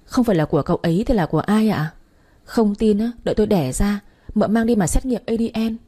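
A woman voicing a brazen young maid who answers in an unhurried, cheeky way, with a husky tone. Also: mid-range voice, dark tone, close to an everyday voice. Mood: insolent. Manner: leisurely and cheeky.

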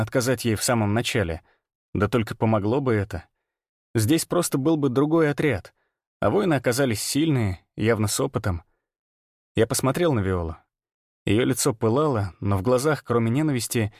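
A man tells a first-person story in measured, grim audiobook narration. His voice sits at a middle pitch, and the close mic sounds dry with no room around it. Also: a little mellow, no echo.

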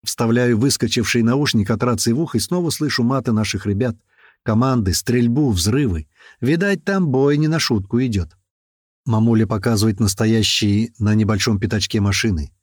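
Male narrator, mid-pitched, dry close-mic read, lively character switches. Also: moderate pace, no room sound. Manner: lively, raising pitch and shouting for quoted characters. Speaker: audiobook narrator. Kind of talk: first-person audiobook narration with character voices.

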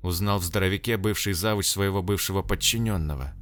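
A man reading an audiobook, expressive, acting out the dialogue. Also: low voice, fairly quick. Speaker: narrator. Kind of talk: audiobook narration.

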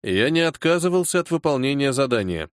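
A man performs the role of a forty-two-year-old major, angry, disciplined and hot-tempered, whose clipped, caustic lines barely hold his anger in check. His mid-range voice has a brisk, sing-song lilt and sounds natural. The clean studio recording has no echo.

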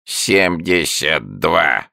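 A sickly salamander, voiced by a man reading aloud, croaks out words slowly and with effort. The voice is deep and gravelly, with a dry, close sound. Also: sing-song, sharp tone, no echo, full character voice. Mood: strained. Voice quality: croaking, creaky. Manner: slow, laboured words.

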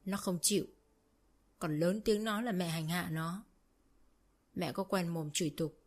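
A woman's voice: lowish voice, measured pace. A woman voicing a weepy, manipulative older rural mother-in-law who wails and complains theatrically. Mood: wailing. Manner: wailing, theatrical, self-pitying.

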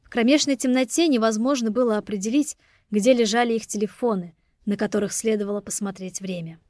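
A woman narrating an audiobook in a steady, expressive reading. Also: fairly high pitch, brisk, dry recording, clean studio sound. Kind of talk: scripted narration.

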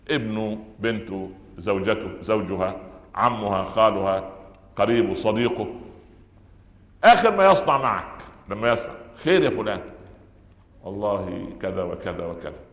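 A man preaching a Friday sermon in Egyptian Arabic, emphatic, swinging between loud high peaks and quiet low passages, asking rhetorical questions and answering them himself. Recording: echoey hall with long reverb.

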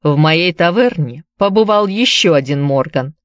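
A woman's voice: low-pitched, lively intonation, normal speed, no echo, muffled recording. A woman reading a story aloud, voicing a young male tavern keeper who speaks in a curt, defensive way.

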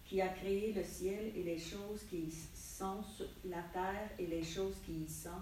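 A woman in a Bible study group reading a scripture passage in an even, steady way. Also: medium pitch, unhurried, slight background noise. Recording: heavy room echo, mic far off.

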